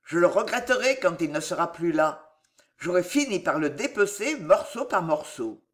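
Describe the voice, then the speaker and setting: A storyteller voices a wicked old miser, cruel and gloating, who mocks his victim with dark relish. The voice sits a little higher and louder than the narration, with a lively, swooping pitch. It comes from a read-aloud storybook. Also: normal speed, natural voice. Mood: grumbling. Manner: mocking, menacing, laughs darkly.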